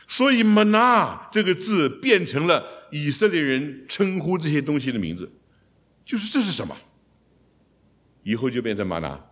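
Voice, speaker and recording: A man in a mid-range voice walks his listeners through a Bible passage. He keeps the teaching lively, putting questions to the room and slipping in English phrases now and then. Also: mid-range voice. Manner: lively, asks the audience rhetorical questions.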